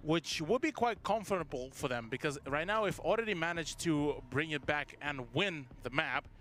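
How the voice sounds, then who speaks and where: A man's voice: fairly high pitch, lively intonation, normal speed, fairly bright tone. A man giving live esports commentary in a wordy, analytical way. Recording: faint background noise.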